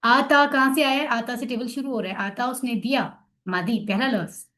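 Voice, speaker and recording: A woman teaching Arabic grammar in an online class, patiently drilling verb forms and repeating them slowly. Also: a little high, pushed and bright.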